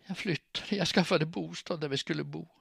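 A man's voice: gravelly, fairly bright tone, breathy edge, no echo, clean studio sound, full character voice. A man voicing a sobbing, frantic young woman. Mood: dazed. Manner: shrill, sobbing, pleading. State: crying. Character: distraught young woman, desperate and unstable.

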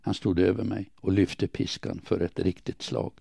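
Gravelly, dark-voiced male diary reader. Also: low voice, level tone, dry recording. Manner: quiet, measured, somber reading. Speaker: audiobook narrator. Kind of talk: first-person diary reading.

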